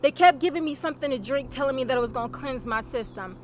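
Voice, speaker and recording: There's slight background noise as a young woman with a high voice rapidly recounts her own life. She's a survivor giving plainspoken, heartfelt testimony, repeating lines so they land.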